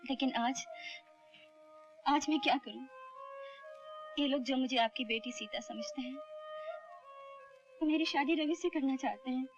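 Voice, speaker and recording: एक अभिनेत्री पुरानी हिंदी फ़िल्म में एक निडर, बेबाक युवा बंजारन लड़की का किरदार निभा रही है।. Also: female voice, high-pitched, a little slow, long pauses, dull audio. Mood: sorrowful. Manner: commanding and forthright. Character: bold young street-dancer woman, fiery and tender. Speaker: lead actress. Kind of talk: 1970s Hindi film dialogue. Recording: old film soundtrack with music behind.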